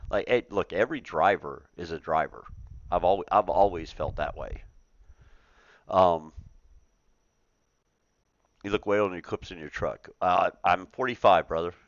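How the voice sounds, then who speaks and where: A man's voice: low voice, moderate pace, pauses often, dry recording, muffled recording. A man in his forties hosting a trucking talk show in casual, profane chat, laughing often and repeating himself. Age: 40s.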